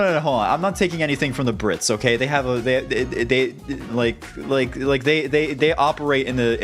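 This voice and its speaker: A young man from the United States rants at his stream chat, tripping over his words and swearing freely. His voice sits at a middling pitch, with faint music playing behind him. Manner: rambling, profane, stammering restarts, ranting.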